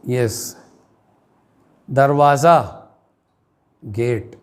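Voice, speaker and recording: A man with an Indian accent teaching an English pronunciation lesson, pairing words and spelling them out letter by letter in a deliberate way. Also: medium pitch, smooth.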